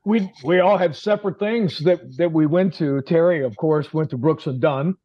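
A man's voice: fairly high pitch, normal speed. Folksy musician guy talking on a podcast, dull lo-fi sound. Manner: folksy, self-deprecating. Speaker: guest musician. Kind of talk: casual interview.

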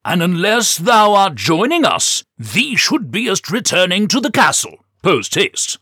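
A man's voice: sits high, big pitch swings, unhurried, pushed and bright, slightly rough, no room sound, clean studio sound, pitched above the performer's own voice, heavily acted. A man voicing a boisterous old-fashioned male knight who speaks in archaic, formal phrasing. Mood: commanding. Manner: archaic formal speech, hearty.

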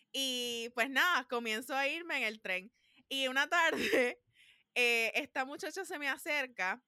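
Bright, high-pitched woman storyteller. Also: smooth, no room sound, clean studio sound. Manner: animated, laughs often, acts out quotes. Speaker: podcast co-host. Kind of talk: casual storytelling chat.

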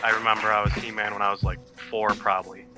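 A man's voice: on the low side, level tone, fast, over loud music, a loud crowd. A man as a podcast guest, chatting casually like a fan reminiscing.

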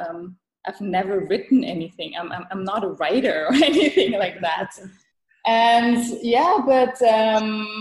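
A Thai woman, guest author on a podcast interview, speaks thoughtfully but haltingly, with many fillers and restarts. Her medium-pitched voice has a darkish tone, and the audio is reverberant and poor.

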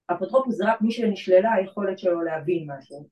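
A woman who works in legal aid, telling a story in casual chat and acting out the voices of the people in it. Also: mid-range voice. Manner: animated, acts out quoted voices. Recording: echoey room from far off.

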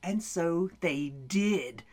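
A woman reading a children's story aloud in an animated way, laughing often and dropping to whispers. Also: lowish voice, extremely slow.

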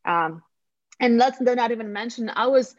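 A Latvian real estate agent with a Latvian accent joins a casual podcast as a guest over video call, chatting frankly and cheerfully and addressing listeners as friends. Her fairly high voice moves at normal speed, and the recording is muffled but free of echo.

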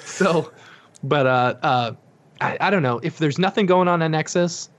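A man's voice: on the high side, moderate pace, fairly bright tone. A young man chatting as a podcast guest about his company, rambling with many fillers and restarts. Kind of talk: casual podcast chat. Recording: dull lo-fi sound.

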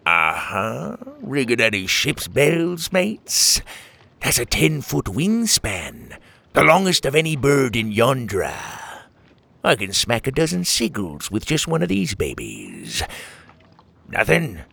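A man voicing a boastful male pelican pirate captain with swaggering pirate talk and drawn-out words. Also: medium pitch, wildly swooping pitch, gravelly, pushed and bright, pitched above the performer's own voice, exaggerated voice.

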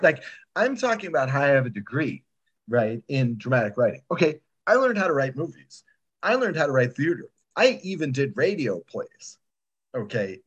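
Appearing as a podcast guest, a writer and podcast producer talks casually and hands out tips in a blunt, emphatic way, frequently checking in with listeners. His mid-range voice is slightly rough.

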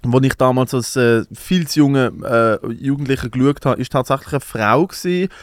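A man's voice: medium pitch, moderate pace, no room sound. Rambling swiss german guy, dry sound. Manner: rambling, laughing storyteller. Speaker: podcast co-host. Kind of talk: casual chat.

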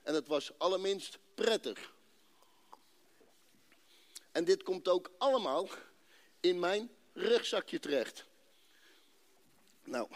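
Man from Rotterdam, high voice, emotional church testimony with drawn-out dramatic pauses. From Netherlands, Rotterdam. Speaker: speaker giving a personal testimony. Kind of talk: emotional faith testimony to a congregation.

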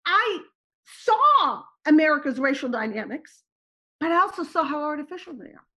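A high-pitched woman, a native Turkish speaker, appears as a podcast guest telling personal stories at a normal speed. She's animated and keeps tagging her phrases with "right?"

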